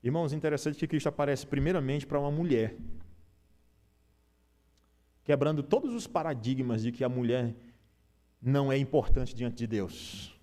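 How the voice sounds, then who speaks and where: A man's voice: mid-range voice, fairly even intonation, normal speed, pauses often, warm tone. A man with a Brazilian Portuguese accent, preaching an Easter sermon as pastor and asking the congregation rhetorical questions.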